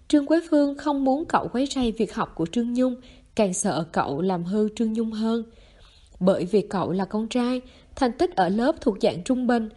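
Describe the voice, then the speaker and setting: A woman narrating a novel in a steady storytelling manner, as an audiobook reading. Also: fairly high pitch.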